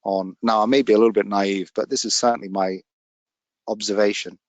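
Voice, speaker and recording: A man's voice: lowish voice, fairly even intonation, a little fast, no room sound. A man speaking as a guest in casual chat, telling stories in an earnest, reflective way.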